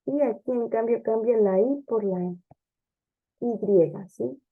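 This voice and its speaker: Woman, English teacher; patient step-by-step explainer, higher voice, dull lo-fi recording. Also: slow. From Ecuador. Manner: explanatory, checks understanding with frequent "ok?" and "sí?". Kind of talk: classroom grammar lesson.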